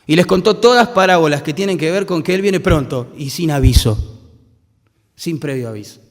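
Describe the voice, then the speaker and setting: Here the preacher is a man with a fairly high voice, lively intonation and a moderate pace, his Rioplatense accent echoing with a long reverb tail in a church hall. As pastor, he talks conversationally and asks the congregation rhetorical questions.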